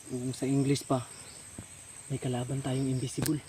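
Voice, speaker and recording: A man's voice: medium pitch, completely flat delivery, normal speed, noisy background. A man vlogging outdoors in a rural spot, greeting viewers in a friendly, casual way. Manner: friendly, addresses viewers as "tol". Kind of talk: casual outdoor vlog chat.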